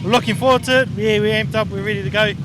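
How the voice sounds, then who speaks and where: A man's voice: high voice, steady tone, quick pace, music in the background. A man with a broad New Zealand accent giving a casual, colloquial trackside interview as a stockcar driver. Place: outdoors at a rainy speedway. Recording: noisy outdoor speedway with engines.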